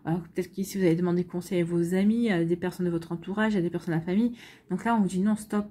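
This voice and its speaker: A woman's voice: fairly low pitch, steady tone, rapid-fire, warm tone, slight background noise. A woman giving a weekly tarot guidance reading, talking straight to viewers in a hesitant way, with many fillers and repeated words. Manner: addresses viewers directly, conversational. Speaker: tarot and astrology reader.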